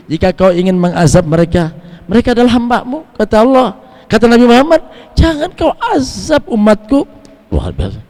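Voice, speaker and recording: Animated preacher in a mosque. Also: male voice, sits high. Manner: animated, rising and falling delivery with Arabic recitation. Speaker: religious teacher. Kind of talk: mosque study-circle sermon. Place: mosque hall. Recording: long mosque hall reverb.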